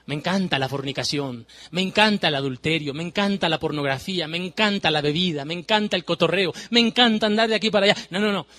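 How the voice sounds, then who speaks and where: A man's voice: quick pace, hardly any pauses. A preacher putting on a careless young guy. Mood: dismissive. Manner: dismissive, quieter and lower than the preacher. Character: carefree worldly young man brushing off God.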